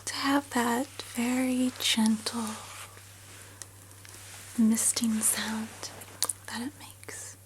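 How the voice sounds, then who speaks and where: A woman in a whispered role-play of a spa pampering session, speaking softly and soothingly, with gentle personal attention to the listener. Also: on the high side, steady tone, very slow, pauses often, background noise. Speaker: ASMR host.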